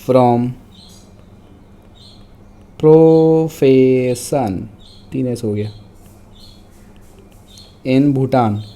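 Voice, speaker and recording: A man's voice: a little high, moderate pace, long pauses, mellow. A man with an Indian accent teaching an online tax lesson, mixing Hindi and English and repeating figures for dictation. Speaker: commerce tutor.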